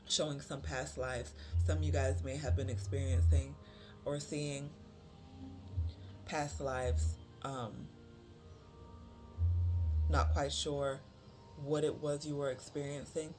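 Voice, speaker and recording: A spiritual card reader giving a channeled reading to viewers, repeating phrases for emphasis, with many pauses and fillers. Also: medium pitch, level tone, darkish tone. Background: music.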